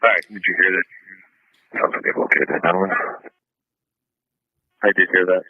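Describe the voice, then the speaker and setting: A man's voice: deep voice, fairly even intonation, moderate pace, creaky, no echo. A man speaking over a police radio as an officer, giving terse call signs and radio codes. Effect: police radio transmission. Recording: tinny dry radio transmission.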